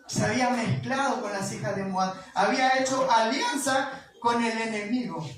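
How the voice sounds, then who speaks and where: A woman's voice: a little high, normal speed. A woman with an Argentine accent preaching a sermon, retelling a scripture story in a casual way with chuckles and asides. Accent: Argentine Spanish. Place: church hall. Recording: echoey church hall, distant mic, congregation. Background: congregation answering amen.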